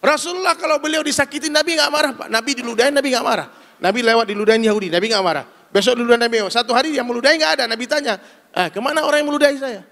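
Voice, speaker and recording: A man preaching a sermon to a gathering, emphatic and animated, often addressing his listeners directly as he drives his points home. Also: very high-pitched, rapid-fire, vocal fry. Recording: long hall reverb.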